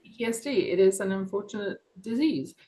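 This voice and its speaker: This is an author and interview guest, a middle-aged woman from England with a London accent, speaking earnestly and passionately about her own story. Her mid-range voice has lively intonation and a fairly quick pace, though the recording is rough. Soft laughs and frequent ums run through this reflective personal interview.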